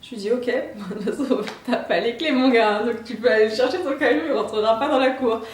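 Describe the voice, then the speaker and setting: Animated woman telling a story in an echoey room. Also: fairly high pitch, a little fast. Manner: animated, acts out both sides of the dialogue. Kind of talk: casual storytime vlog. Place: inside her apartment. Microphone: camera mic. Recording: roomy, echoey apartment room.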